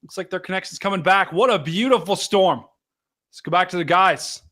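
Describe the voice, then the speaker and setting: A man's voice: high voice, brisk, bright, forceful tone. A man hosting a live weather stream, explaining radar to viewers in a casual but urgent, hyped way. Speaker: livestream host commentating on storm chase. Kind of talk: live weather commentary to chat.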